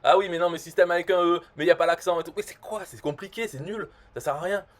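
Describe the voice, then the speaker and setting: A man's voice: high voice, fast. A man delivers a rambling comic rant as a self-appointed marketing expert. He is blunt and crude, and he keeps restarting his sentences as he circles back to the same complaint.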